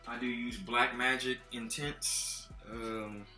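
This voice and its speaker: Slow and flat yet forceful, this young Texan's bright, medium-pitched voice wanders through a car care product rundown, relaxed and packed with fillers. Audio is poor: a laptop built-in mic in a dim apartment living room, reverberant, with soft music in the background.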